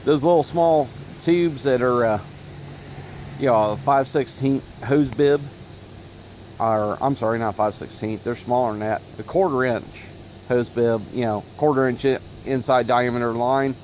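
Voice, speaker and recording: An unhurried, medium-pitched man from Ohio, USA, hosts an auto parts video, chatting casually to his phone camera outdoors in the sunlight. He rambles with lots of fillers and corrections, and the phone recording carries a slight hiss or hum.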